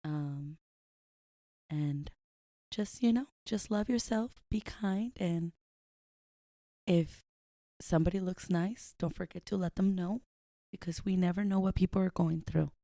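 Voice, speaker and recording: A woman's voice: on the low side, unhurried, long pauses, dark tone, dry recording. A woman co-hosting a casual podcast chat with a sore, dry throat, dropping Spanish words into her talk. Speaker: podcast co-host.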